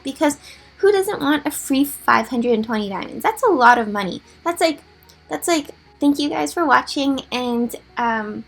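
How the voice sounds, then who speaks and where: A young woman with a raspy, slightly high, gravelly-edged voice casually narrates a drawing timelapse. She's a gaming YouTuber, chatty and self-deprecating, rambling with lots of "like" fillers in a relaxed voice-over.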